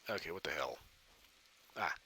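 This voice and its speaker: A man's voice: rumbling low, lively intonation, normal speed, bright, forceful tone. A man giving casual, self-deprecating gameplay commentary as host, thinking aloud, with a cave-like echoey recording. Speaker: gaming video host. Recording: cave-like echoey sound, background noise.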